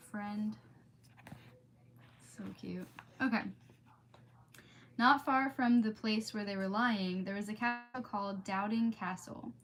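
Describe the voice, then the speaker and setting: This woman hosts a livestream, chatting casually with viewers and reading a storybook aloud. She's informal and easily sidetracked. Her voice is medium-pitched, with slight background noise.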